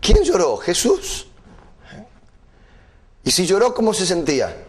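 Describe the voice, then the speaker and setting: A middle-aged man preaching a sermon, asking the congregation rhetorical questions and reading scripture slowly. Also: wildly swooping pitch. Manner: quotes scripture at a slower, lower pitch.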